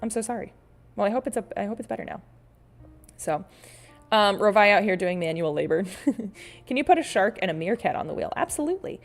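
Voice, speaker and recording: A woman's voice: medium pitch, expressive, brisk, long pauses, soft background music. A woman hosting a casual livestream, chatting playfully with viewers in an exclamatory, rambling way, often interrupting herself as she reads and reacts to comments. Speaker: livestream host and artist.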